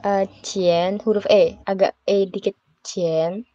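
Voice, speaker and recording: A young woman tutors a student over a muffled online call, her voice mellow and relaxed. She talks in a chatty, patient way, dry and close to the mic, and laughs easily. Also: mid-range voice, takes it slowly, no echo. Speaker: Mandarin tutor. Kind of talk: casual private lesson.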